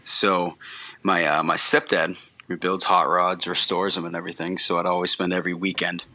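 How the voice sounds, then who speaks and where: A man guesting on a podcast, talking in a relaxed, rambling way with many ums and restarts. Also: deep voice, normal speed. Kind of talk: casual interview chat.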